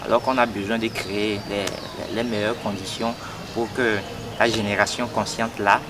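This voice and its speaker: A man's voice: fairly low pitch, level tone. Young man, noisy street. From Togo. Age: 20s. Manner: earnest, halting with many fillers and repeated words. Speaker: young party activist. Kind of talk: political interview statement. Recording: noisy outdoor street recording.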